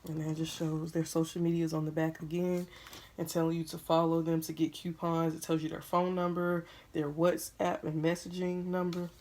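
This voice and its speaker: A woman's voice: deep voice, flat delivery, normal speed, a little mellow, slight background noise. A young woman chatting casually to her viewers while unboxing a wig at home, talking around a piece of gum. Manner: chatty, addresses viewers as "y'all", chewing gum. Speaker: beauty vlogger.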